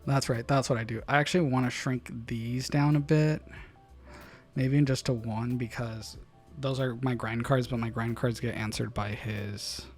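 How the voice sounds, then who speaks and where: A man with a gravelly, fry-edged voice of medium pitch plays a card game while talking to his chat at a moderate pace. He muses over each decision aloud and erupts in loud, excited exclamations when a play surprises him, with soft music underneath.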